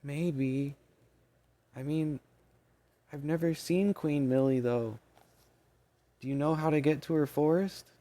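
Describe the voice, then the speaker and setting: A man doing Fitzel, a squeaky tiny fairy woman. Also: steady tone, dark tone. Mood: defeated. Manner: faltering, halting speech. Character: tiny winged fairy woman, weak and despairing.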